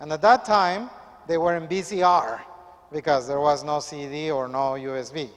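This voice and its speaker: Priest in an echoey church. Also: male voice, fairly high pitch, fairly even intonation. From Peru. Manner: measured, earnest preaching. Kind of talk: Gospel reading and sermon.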